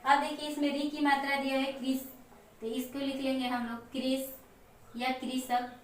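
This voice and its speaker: High-voiced woman teacher in an echoey room. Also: flat delivery. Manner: slow, explaining step by step with examples. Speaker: Hindi teacher. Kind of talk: classroom lesson to children. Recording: echoey room, mic far off, faint noise.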